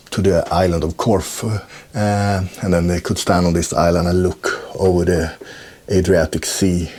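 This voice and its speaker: A man's voice: sits low, darkish tone. A man teaching a music lesson, explaining chords step by step and counting beats aloud. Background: guitar playing.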